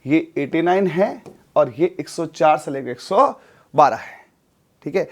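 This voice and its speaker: A man teaching chemistry in a lively classroom lecture, telling a memory story and drilling numbers aloud with coaxing repetition. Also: fairly high pitch, a little slow.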